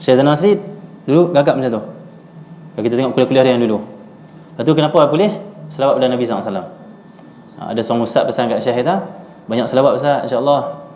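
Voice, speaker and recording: A man's voice: mid-range voice, very fast, long pauses, a little hiss or hum. A man giving a lecture in a mosque, telling stories and acting out the voices of the people in them. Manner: animated storytelling, acts out quoted voices. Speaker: religious teacher. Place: mosque hall. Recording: echoey, muffled mosque recording.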